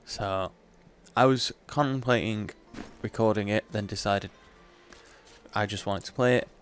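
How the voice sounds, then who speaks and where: A man commentates casually over a video game he is playing. His voice is on the low side, with faint music underneath. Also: measured pace. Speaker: let's play commentator.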